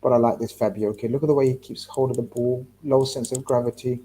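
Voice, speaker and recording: A man's voice: mid-range voice, fairly even intonation, fast, a little hiss or hum, poor audio. A man hosting a football watchalong, commentating live and chatting casually, with sweary reactions to the play. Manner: reacts out loud to the match, sweary. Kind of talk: live match commentary mixed with casual chat.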